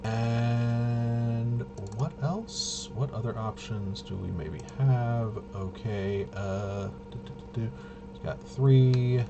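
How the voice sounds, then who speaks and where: This solo tabletop RPG presenter has a medium-pitched voice and a slow pace, with music behind him and the high frequencies cut off. He casually narrates his gameplay, hesitantly muttering to himself while he works through it.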